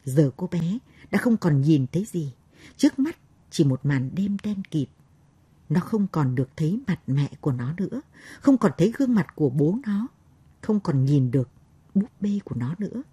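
A woman reads a novel aloud in a steady, measured narrating voice. Her tone is dark and very husky. The recording is close and dry, with no room echo. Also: low voice. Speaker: audiobook narrator.

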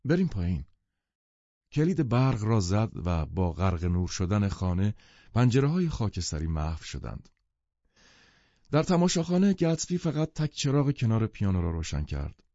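Low-voiced male audiobook narrator. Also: sing-song, dark tone, no room sound. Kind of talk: scripted literary narration. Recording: dull lo-fi studio recording.

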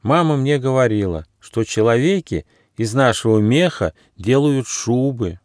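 A man voicing a chubby, gentle, timid male koala cub in a storybook, drawn out and sing-song. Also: medium pitch, animated, unhurried, no room sound, studio quality, natural voice. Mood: frightened.

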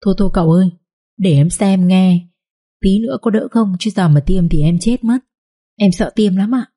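A woman's voice: medium pitch, moderate pace, mellow, close to an everyday voice. A woman voicing a scheming young servant girl who whines and pleads, in a read-aloud story. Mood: whiny. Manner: whining, pleading.

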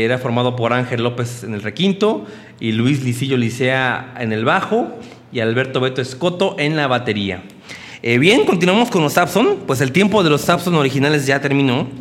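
A man's voice: mid-range voice, a bit bright, big-room sound. A man hosting a radio music program, recounting band history and trading banter with a co-host.

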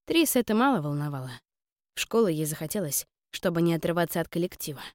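A woman narrating a first-person audiobook in a calm, wry storytelling manner. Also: lowish voice, fast talker, dry recording, clean studio sound.

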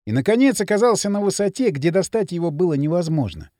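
Male audiobook narrator, high voice, very animated, dry close sound. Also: fast, no room sound. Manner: expressive, dramatic reading. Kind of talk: scripted narration.

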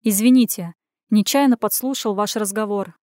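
A woman reading an audiobook, voicing a tired, calm, polite married man who speaks apologetically. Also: medium pitch, normal speed, no room sound, studio quality, close to an everyday voice.

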